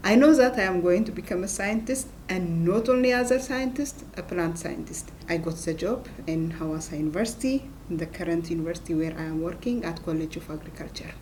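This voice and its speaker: A middle-aged woman with an Ethiopian accent speaks about her research in a talking-head interview. Her voice sits low for a woman, and she talks in short, halting phrases. A faint rumble hums behind her. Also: a little mellow. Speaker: plant scientist and professor.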